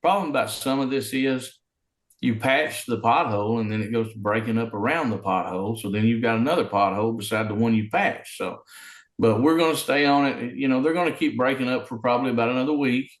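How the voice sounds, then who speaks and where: A man who works as a city public works official, speaking in an interview over a remote conference call that keeps breaking up. He talks haltingly, with lots of fillers and restarts. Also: mid-range voice. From Arkansas. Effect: remote conference call audio that breaks up. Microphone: video call. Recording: roomy sound over a breaking-up call line.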